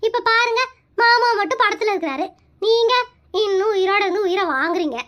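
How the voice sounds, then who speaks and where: A woman's voice: very high voice, brisk, fairly bright tone. A woman voicing a cheeky young daughter-in-law in a cartoon skit, teasing and sarcastic.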